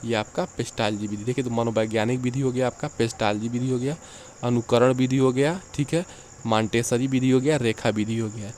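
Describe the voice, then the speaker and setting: A man's voice: mid-range voice, steady tone, fairly quick, a little mellow, a little hiss or hum. A man teaching an exam-prep lecture, going through the points one by one and checking in with the listeners as he explains. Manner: explains point by point, often adds "ठीक है".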